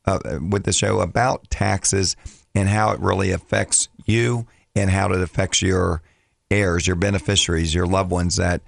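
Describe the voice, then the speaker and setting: A man with a low, very creaky voice, scratchy as if his throat is worn from talking. He speaks as a financial coach in casual radio talk, circling back and repeating phrases as he goes. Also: steady tone, unhurried, dry recording, studio quality. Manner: rambling, repeats and restarts phrases. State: scratchy, slightly hoarse voice from much talking. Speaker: financial coach, show regular.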